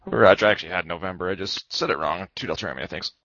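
A man speaking as a pilot on air traffic control radio, reading back clearances in procedural phrases. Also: deep voice, rapid-fire, bright, forceful tone. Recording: muffled, dry radio audio.

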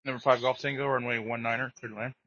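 A man working as an air traffic controller, giving brisk, procedural instructions over the radio. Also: medium pitch, flat delivery, sharp tone, no room sound. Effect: radio transmission. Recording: muffled lo-fi radio audio.

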